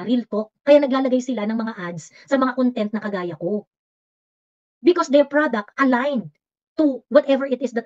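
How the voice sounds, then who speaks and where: A woman's voice: a little high, darkish tone. A woman with a Filipino accent hosting a casual livestream, combative and teasing, mixing English into her talk. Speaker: livestream host. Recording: slightly dull lo-fi audio.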